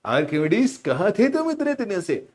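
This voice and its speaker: A man voicing a stern male king in a funny classroom story, making loud, commanding threats. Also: sits high, big pitch swings, moderate pace. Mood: demanding.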